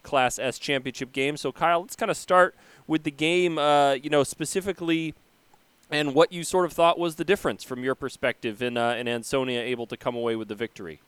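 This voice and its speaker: A man's voice: a little high, fairly even intonation, fairly quick, a bit bright, clear, resonant tone, dry recording. A male podcast host in easygoing sports talk, often agreeing and filling with uhs. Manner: agreeable, lots of yeahs and uhs. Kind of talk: casual sports podcast chat.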